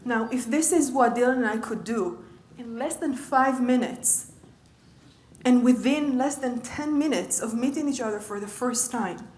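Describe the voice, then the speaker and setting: Female coach lecturing a class, engaging tone, slightly high voice, roomy recording. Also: unhurried, a little mellow. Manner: engaging, checks in with the audience often. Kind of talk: conversational lecture. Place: lecture room.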